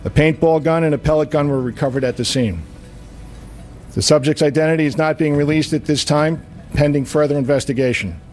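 A man's voice: on the high side, a little fast, darkish tone. A man delivering a formal news briefing statement in an official register. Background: music.

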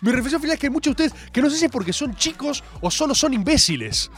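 A man's voice: extremely high pitch, fast talker, soft background music. A young man with a Rioplatense accent hosting a show, ranting sarcastically in a monologue. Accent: Rioplatense Spanish. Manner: sarcastic, animated, mocking voices. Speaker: host.

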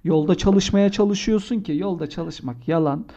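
A man with a high voice chats casually and tells comic stories with plenty of energy. He acts out quoted lines as he goes. The recording sounds a bit muffled. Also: moderate pace. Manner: joking, animated storytelling with acted-out quotes. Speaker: podcast co-host. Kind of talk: casual comedic chat.

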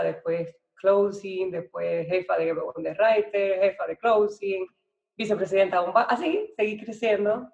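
With phone-quality sound, a middle-aged podcast guest from Puerto Rico, a real estate and banking professional, chats through her story in her Puerto Rican accent, mixing in English business terms. Her pitch is fairly low with vocal fry.

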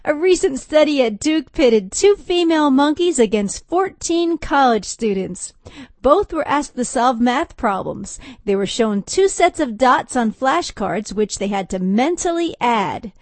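A woman's voice: high-pitched, lively intonation, unhurried, dry recording. A woman reading a scripted feature story as a radio news reporter.

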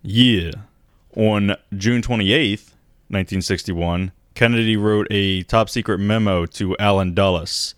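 A man with a low voice co-hosting a loose, profane podcast chat. He laughs easily and slips into mock voices when he quotes people. The sound is dry and close, with no room echo. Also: fairly even intonation, a little slow. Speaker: podcast co-host. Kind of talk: casual conspiracy podcast chat.

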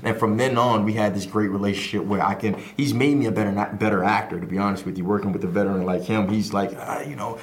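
Laughing man telling an excited story. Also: on the low side, fast talker, few pauses. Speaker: actor guest. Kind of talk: interview storytelling.

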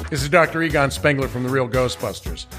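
A man's voice: medium pitch, fast talker, lightly acted. A man voicing a cartoon scientist in a scripted show ident. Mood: matter-of-fact. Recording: loud music bed behind voice.

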